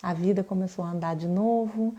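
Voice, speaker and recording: A woman with a Brazilian Portuguese accent teaches bath therapy in a live class, chatty and drawing on personal examples while often checking in with her audience through tag questions. Her voice is fairly low, warm and fairly quick, and the recording sounds muffled.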